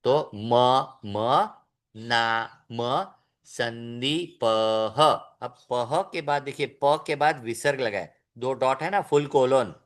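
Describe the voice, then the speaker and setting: A man teaching an online class, stretching out words slowly to show how they are pronounced and slipping in English phrases. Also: mid-range voice, animated. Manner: slow, drawn-out demonstration of pronunciation. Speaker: Sanskrit teacher.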